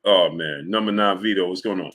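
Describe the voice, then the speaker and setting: A man hosts a casual sports live stream, reading super chats and telling stories in an animated way. His voice sits a little low but sounds bright and forceful. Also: fairly quick. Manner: animated storytelling, reads super chats, laughs often. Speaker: sports channel host.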